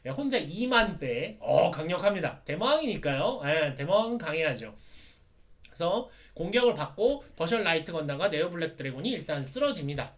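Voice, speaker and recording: A man hosting a chatty lecture on anime lore, lively and laughing often. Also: sits high. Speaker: host.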